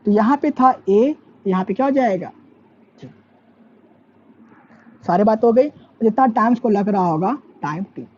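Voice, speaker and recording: A woman's voice: on the high side, mellow. Lo-fi recording of a woman teaching physics. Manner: asks questions and answers them herself; mixes English terms into Hindi. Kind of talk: classroom lecture. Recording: dull lo-fi sound with faint background noise.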